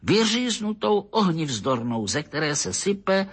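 A man voicing an excitable, irritable middle-aged police detective who talks in agitated bursts in an audiobook reading. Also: a little high, breathy edge, pitched above the performer's own voice. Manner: agitated, exclamatory, bursts of shouting.

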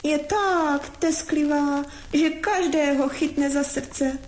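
A woman's voice: sits high, echoey room, pitched above the performer's own voice, close to an everyday voice. A woman voicing the north wind as a touchy male spirit who wails and grumbles in a storybook reading. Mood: wailing. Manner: wailing, grumbling.

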